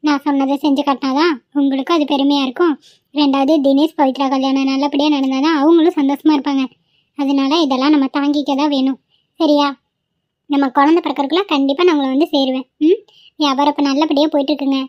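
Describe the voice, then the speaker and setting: A woman's voice: high voice, flat delivery, fast talker, dry recording, natural voice. A woman voicing a young wife in an amateur cartoon, earnest and pleading, stubborn in her resolve. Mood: firm. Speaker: voice actor. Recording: dull, dry, lo-fi recording.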